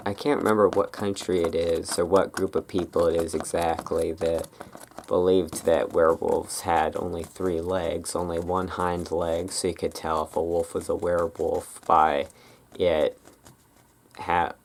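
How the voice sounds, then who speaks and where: Low, creaky, and slightly mellow, this ASMR host's voice drifts through a casual show-and-tell, tentative and full of self-corrections. The camera's built-in mic sits close by, adding noise and clicks.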